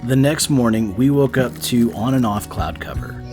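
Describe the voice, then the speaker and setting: A man narrates a camping vlog in a scripted voice-over at a medium male pitch. Plucked guitar music plays clearly behind his voice. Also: moderate pace. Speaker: camping vlogger.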